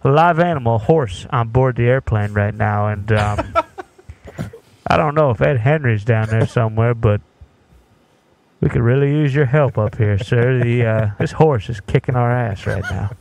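A man putting on an airline pilot making a cockpit announcement to the passengers, speaking slowly and deliberately over faint background noise. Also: medium pitch, gravelly, darkish tone, lightly acted. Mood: announcing. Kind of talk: comedic bit on a podcast.

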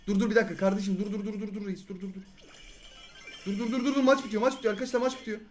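Young guy yelling over his game, rattles off repeated words, faint music behind. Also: high voice. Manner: rapid, excitable, shouts at teammates, repeats words. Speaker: gaming channel host. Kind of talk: excited live gameplay commentary.

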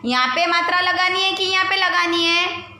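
A woman teaching young children a Hindi lesson, stretching out each syllable slowly and asking them to repeat. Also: extremely high pitch, sharp tone, heavy reverb. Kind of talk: primary school Hindi lesson. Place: school classroom.

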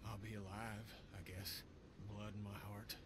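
An actor playing a weary, blunt middle-aged survivor in a video game, grim and swearing. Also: male voice, on the low side, flat delivery, a little slow, heavy background noise, natural voice.

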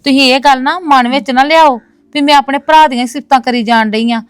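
Talking fast in a high voice close to her everyday one, an actress plays a proud woman in a web series domestic drama. She insists, earnestly, on defending her brother and his family, repeating "no, no, sister," with no room sound on the recording.

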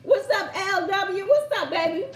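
Her pitch is extremely high and her intonation lively as this middle-aged Brooklyn woman, a little slow, hosts a casual live word game and emphatically, playfully repeats phrases. She's recorded far from the mic at home by a shuttered window, with a roomy echo and faint noise behind her.

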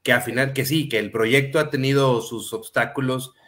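A man hosting a sports interview in a casual tone. His voice sits in a middle pitch. He restarts his sentences as he goes. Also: steady tone, normal speed, a bit bright. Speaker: host.

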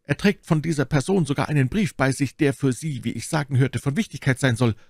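A man's voice: mid-range voice, fairly quick, vocal fry, a little mellow, no room sound, clean studio sound, voice pushed up. A man voicing a wounded, cowardly soldier who begs for his life in a panicky, pleading way in an audiobook. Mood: frightened pleading.

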